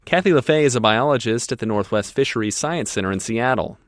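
A man's voice: medium pitch, animated, fast talker, no echo, clean studio sound. A man narrating a scripted radio news report as a reporter.

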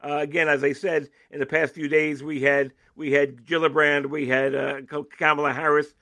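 A man giving political analysis as an interview guest, animated and emphatic, often restarting his sentences. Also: a little high, normal speed.

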